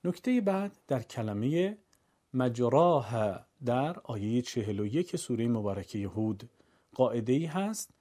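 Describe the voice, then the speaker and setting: A man teaching a Quran recitation lesson, calmly explaining the rules and then chanting the verses slowly and melodically. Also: medium pitch. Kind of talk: tajweed lesson.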